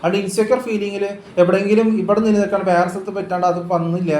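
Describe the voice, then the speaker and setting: A man's voice: sits high, steady tone, fast, a little mellow. A man talking casually but insistently, lecturing and asking rhetorical questions. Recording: roomy echo with faint ambient noise.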